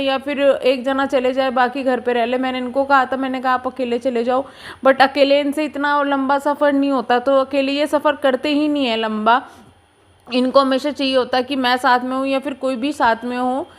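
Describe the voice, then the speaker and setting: High-voiced woman narrating her home vlog. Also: little pitch movement. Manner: chatty, confiding and unhurried, talking to viewers like a friend. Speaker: vlogger.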